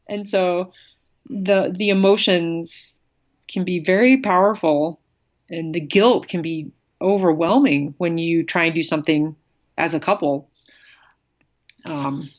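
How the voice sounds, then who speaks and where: Candid, blunt woman guest, slightly low-pitched, on a dull lo-fi recording. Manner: candid, blunt, laughs often. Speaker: guest, former pro cyclist. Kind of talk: casual interview.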